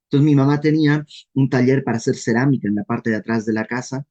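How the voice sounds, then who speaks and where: A man with a Mexican accent leading a casual verse-by-verse Bible study, lively and self-deprecating, often acting out questions in quoted voices. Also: mid-range voice, fast talker, lo-fi sound. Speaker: Bible teacher.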